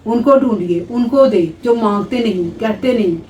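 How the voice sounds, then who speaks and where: A woman's voice: a little high, moderate pace, a little mellow, slight background noise. A woman on a family vlog giving earnest advice about charity in casual chat. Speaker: family vlogger. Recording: roomy, distant home recording.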